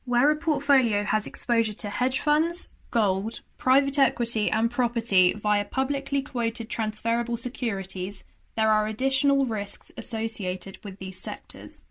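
A woman reading a scripted legal disclaimer in a formal, measured way. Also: a little high, fairly bright tone. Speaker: podcast disclaimer reader.

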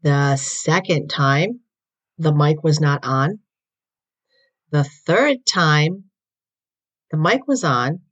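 A woman with a raspy voice hosting a mindfulness podcast, calmly guiding listeners through breathing, her voice slightly hoarse from allergies and recorded in an echoey room. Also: low voice. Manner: calm, slow guided breathing instructions. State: voice going in and out from allergies. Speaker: podcast host.

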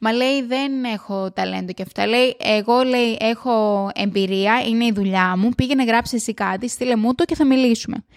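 A woman hosting a motivational podcast at home, talking loudly and emphatically with excitement. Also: fairly high pitch, few pauses. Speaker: podcast host. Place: at home alone.

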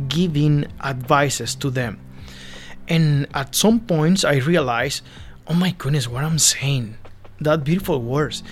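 Speaking in a somewhat high voice, a young seminarian guest from Venezuela recounts his story with sincerity during an informal interview. His Spanish accent is clear, and he tends to repeat words as he hunts for what to say.

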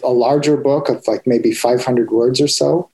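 A man co-hosting a casual podcast, talking in an easygoing, chatty way. His voice sits at a middle pitch, neither high nor low, and now and then he stops to restart a thought. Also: fairly even intonation, normal speed, dark tone. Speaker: podcast co-host. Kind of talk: casual chat.

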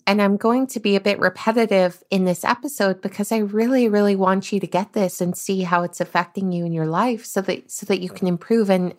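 A woman hosting a solo self-help podcast, talking earnestly and casually, often repeating and restarting her words. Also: mid-range voice. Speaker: podcast host.

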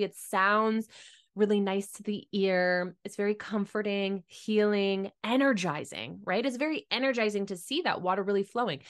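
A woman giving a casual motivational talk to camera, chatty and full of fillers. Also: mid-range voice. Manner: chatty, filler-heavy, animated with put-on voices.

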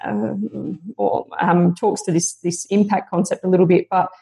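A woman's voice: fairly low pitch, little pitch movement, normal speed, gravelly, dark tone. A woman guest on a podcast interview, speaking in an earnest, motivational and reflective way.

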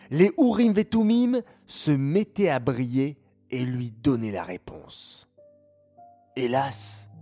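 A man narrates a children's story slowly and deliberately, turning to the young listeners to ask them questions. His voice is gravelly and somewhat high, and he draws out his phrases. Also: warm tone. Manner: slow, addresses children directly.

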